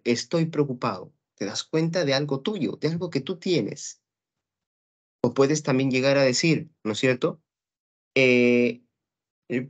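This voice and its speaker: Lively teacher explaining philosophy. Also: male voice, medium pitch. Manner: explanatory, asks rhetorical questions to students; acts out quoted thoughts and sound effects. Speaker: pre-university philosophy teacher. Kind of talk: online class lecture.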